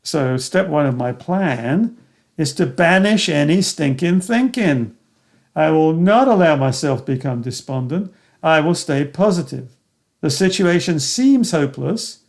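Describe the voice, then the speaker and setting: Older male memoir narrator, slightly higher-pitched, earnest and reflective, first-person storytelling. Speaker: narrator of his own memoir.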